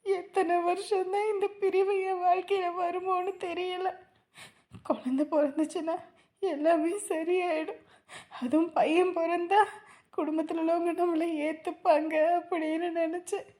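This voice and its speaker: An actress playing a sorrowful young wife in a TV serial, speaking in a plaintive, pleading way. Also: female voice, very high-pitched, little pitch movement, unhurried, mellow. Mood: longing. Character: sorrowful young wife longing for her estranged mother. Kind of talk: TV serial acting.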